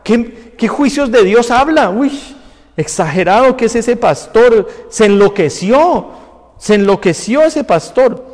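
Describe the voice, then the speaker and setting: A man's voice: extremely high pitch, animated, measured pace, darkish tone, big-room sound, voice pushed up, heavily acted. A male preacher voicing a scornful churchgoer who brushes off his pastor's warnings. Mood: scoffing. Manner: scornful, dismissive.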